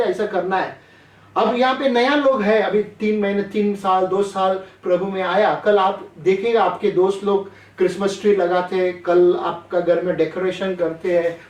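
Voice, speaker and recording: A man's voice: high-pitched, echoey room, distant mic, rough recording. A man preaching a sermon in a chatty way, often asking his listeners questions. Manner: conversational, asks the audience questions. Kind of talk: sermon over online call.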